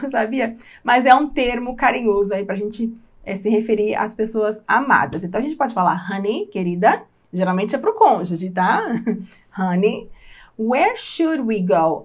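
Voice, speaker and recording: A woman with a Brazilian Portuguese accent teaching an English lesson. She repeats each phrase, translates it, and laughs lightly now and then. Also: on the high side. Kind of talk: language lesson explanation.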